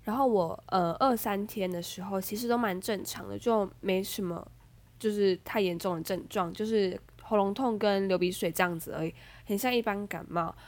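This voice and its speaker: A young woman with a Taiwanese Mandarin accent and a stuffy nose, telling a story as a podcast host in a chatty, animated way with many fillers. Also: mid-range voice, moderate pace. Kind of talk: casual storytelling monologue.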